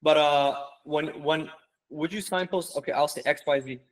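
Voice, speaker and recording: A man's voice: a little high, normal speed, rough recording. A young adult man coaching applicants in an online info session, talking casually and emphatically with lots of rhetorical questions. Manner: casual, conversational. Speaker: medical school interview coach.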